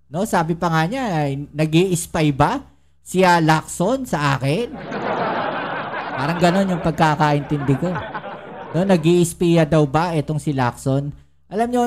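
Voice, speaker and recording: A woman's voice: fairly low pitch, a little mellow. A woman giving casual political commentary to her viewers, full of rhetorical questions and tag questions. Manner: addresses viewers directly and often.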